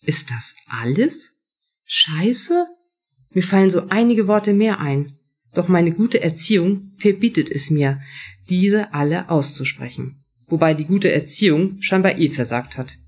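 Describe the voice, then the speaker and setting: Give me a woman author with a husky voice reading aloud from her book. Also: on the low side, normal speed, darkish tone. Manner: first-person storytelling. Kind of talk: live reading from her own novel.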